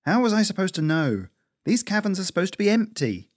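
A man's voice: high voice, very animated, brisk, no room sound, studio quality, pitched above the performer's own voice. A man voicing a rash young female squirrel in a storybook reading, defensive and anxious.

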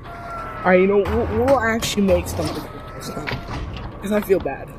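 A man's voice: high voice, moderate pace, noisy background. A young man giving casual, joking gameplay commentary full of slang. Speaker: gamer.

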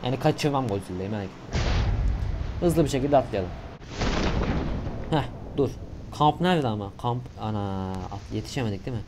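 A young man giving casual, slangy commentary over a mobile shooter game, getting loud and excited in tense moments. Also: fairly low pitch, moderate pace, pauses often, background noise. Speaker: gaming YouTuber.

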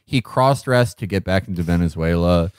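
A man's voice: deep voice, lively intonation, moderate pace, clear, resonant tone, dry recording, clean studio sound. A man co-hosting a podcast, recapping a TV episode in a rambling, sardonic way and laughing mid-sentence. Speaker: podcast co-host. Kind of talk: comedic show recap.

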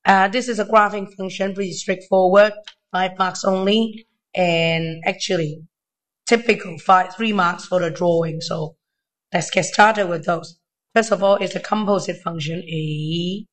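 Male maths tutor, high-pitched thin voice, weak from being unwell, informal step-by-step delivery. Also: fairly even intonation, a little slow, a bit bright. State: unwell, weakened voice. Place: indoors at a desk.

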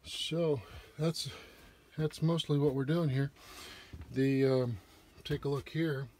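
Here a man with a Southern accent acts as a tour guide in a large indoor RV repair shop, casually explaining the technical tasks in plain words and some fillers. His mid-range voice is mellow and fairly even in intonation, delivered slowly against slight background noise.

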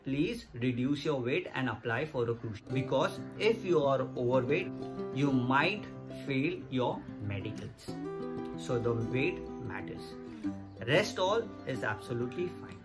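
A man, explaining to camera in a casual, earnest way and repeating his points to viewers. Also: mid-range voice. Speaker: vlogger. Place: small indoor room against a plain wall. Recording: music playing underneath.

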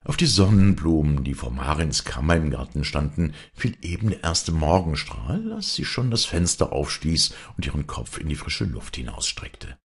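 A man with a very deep, gravelly and rough voice narrating a fairy tale. His delivery is expressive, and his pitch rises and falls with the story. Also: moderate pace, few pauses.

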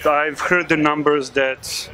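A man in his thirties who runs a digital agency, answering interview questions in a relaxed way, with many fillers and restarts. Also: fairly high pitch, takes it slowly, crowd noise. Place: outdoors on a city street. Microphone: filmed by handheld camera. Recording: noisy street recording.

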